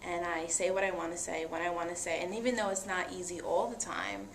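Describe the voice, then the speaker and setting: Her voice is fairly low, yet her intonation is lively and her pace brisk as this young interviewee reflects sincerely on herself. The conversation, a personal testimony, was captured in an echoey room with faint background noise.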